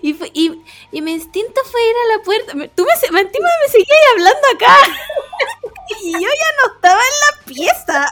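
A young Chilean woman with a high voice tells a story in lively, slang-filled casual chat. Her storytelling is animated and broken up often by laughter. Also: a little slow, pauses often. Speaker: podcast co-host. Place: home room.

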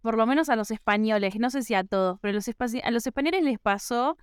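A woman's voice: on the high side, fast, smooth, no room sound, studio quality. A young Argentine woman with an Argentine accent hosting a podcast, chatty and self-mocking, with frequent "eh" fillers. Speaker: podcast host. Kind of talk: casual podcast conversation.

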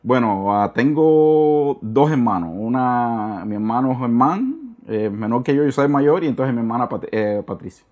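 This middle-aged guest from Cuba talks in a Cuban Spanish accent during a relaxed interview, earnest and often stopping to search for words. He speaks at a medium pitch, animated and slightly mellow.

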